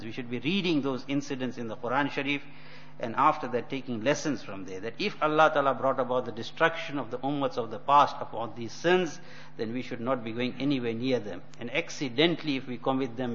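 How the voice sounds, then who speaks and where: Higher-voiced male preacher, muffled recording. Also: fairly bright tone. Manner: admonishing, deliberate phrasing with repeated points. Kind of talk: religious lecture explaining a text. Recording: dull lo-fi audio, faint noise.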